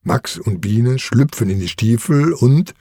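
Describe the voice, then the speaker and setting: A man's voice: mid-range voice, expressive, unhurried, warm tone, breathy edge, no echo, clean studio sound. A man narrating a children's audio story as the children's uncle, in a storytelling manner.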